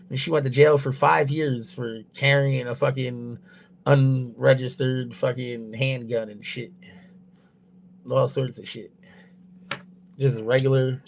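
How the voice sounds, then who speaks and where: A young male livestreamer talks loosely into a mobile phone, rambling, swearing and laughing at his own jokes. His voice is medium-pitched and gravelly, with a little hiss or hum in the audio.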